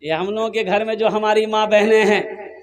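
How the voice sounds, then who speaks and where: High-voiced animated preacher with tinge. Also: male voice, moderate pace. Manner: animated storytelling with rhetorical questions to the crowd. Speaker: Islamic preacher. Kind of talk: sermon.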